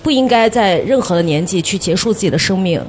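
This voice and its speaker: A woman's voice: mid-range voice, expressive, fast, a little mellow, slight background noise. A woman, a broadcast host guesting on a podcast and speaking frankly and reflectively. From Shaanxi. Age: 40s. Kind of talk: casual chat.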